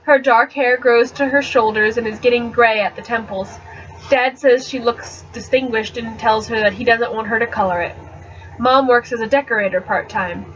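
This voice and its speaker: With a little high voice at a moderate pace, this amateur reader performs a first-person novel in a theatrical, expressive style, occasionally tripping over words. The recording is from a webcam and sounds dull and a bit noisy.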